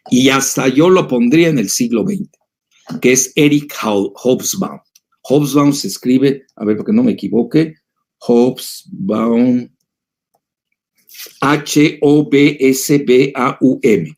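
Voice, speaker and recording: A man's voice: mid-range voice, a little mellow, husky. A man, an older analyst, answering audience questions in a digressive, emphatic lecture style with many filler sounds.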